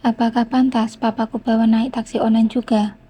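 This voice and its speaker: A woman reading the lines of a demanding man who pushes his brother's ex-wife around, in a flat, husky voice. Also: a little high, normal speed. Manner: demanding, reproachful. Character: man, older brother-in-law, demanding and pushy.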